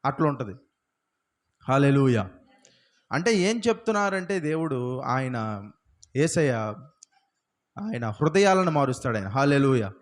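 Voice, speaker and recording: A man's voice: on the high side, big pitch swings, moderate pace, pauses often. A male pastor preaching a sermon, firing rhetorical questions at the congregation and punctuating points with repeated hallelujahs.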